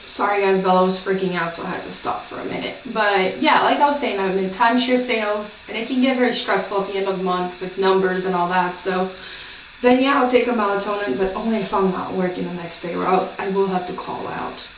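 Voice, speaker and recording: A woman's voice: mid-range voice, a little fast. Woman in her late twenties from Brazil, chatty and rambling, echoey room, far from the camera mic, audible background hiss. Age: 20s. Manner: chatty, rambling, many ums. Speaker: vlogger. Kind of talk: casual chat to camera. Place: small room indoors by a door. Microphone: camera across the room. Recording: roomy, distant home camera.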